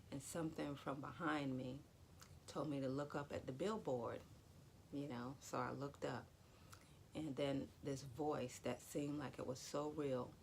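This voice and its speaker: A woman's voice: a bass voice, creaky, darkish tone, slight background noise. A woman vlogger talking casually to the camera in a rambling way, full of "you know". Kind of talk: casual talk to camera about dreams.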